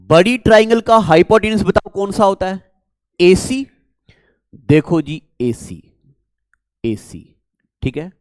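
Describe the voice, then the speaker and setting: A man's voice: high-pitched, a little mellow, no echo. A man from Jammu and Kashmir with a Kashmiri accent, teaching a maths lesson and repeatedly quizzing his viewers. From Jammu and Kashmir, India. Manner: repetitive, coaxing, quizzes the viewers. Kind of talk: classroom math lecture.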